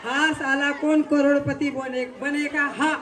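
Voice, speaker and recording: A woman contestant in a stage game, shouting a set line slowly. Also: high-pitched, flat delivery. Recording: loud crowd behind.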